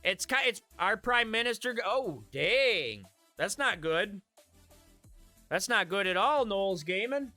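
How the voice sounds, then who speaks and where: Chatty streamer guy, high-pitched, close dry mic. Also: very animated, unhurried, pushed and bright, no room sound, soft background music. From Michigan. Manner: chatty, laughs at his own jokes. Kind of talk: live stream chat with viewers.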